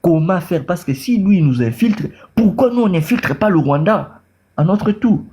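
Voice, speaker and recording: This impassioned debate caller from Congo has a high, animated voice with a dark tone and a normal pace. Speaking with a Congolese French accent, he repeats words as he goes and mixes in Lingala.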